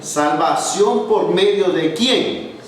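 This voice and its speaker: Man, preacher, sermon, reads scripture and explains it, high voice, echoey hall. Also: takes it slowly. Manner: reads scripture aloud and explains it, asks questions for the congregation to answer. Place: church hall. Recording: echoey hall, from far off, faint noise.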